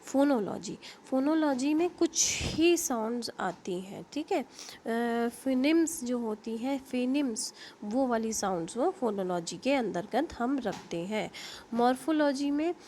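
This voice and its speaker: A woman's voice: on the high side, expressive, measured pace, a little mellow, a little hiss or hum. An Indian woman teaching an online linguistics lecture, explaining terms with frequent fillers, self-corrections and checks like "okay?".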